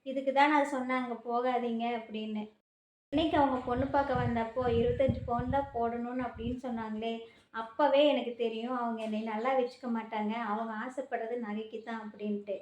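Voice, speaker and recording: A woman's voice: fairly high pitch, fairly even intonation, fairly quick, darkish tone, echoey room, a little hiss or hum, natural voice, poor audio. A woman playing a young daughter about to marry, urgent and protective toward her mother in a home-made family skit. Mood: bitter. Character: young bride-to-be daughter, worried.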